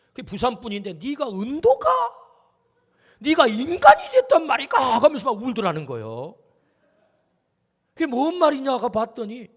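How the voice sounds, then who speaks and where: A male pastor preaching a sermon in a church, talking animatedly and putting questions straight to the congregation. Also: sits high. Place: church sanctuary. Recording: long reverb of a church hall.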